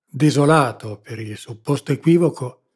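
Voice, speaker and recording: Husky man, measured narration, literary audiobook. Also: medium pitch.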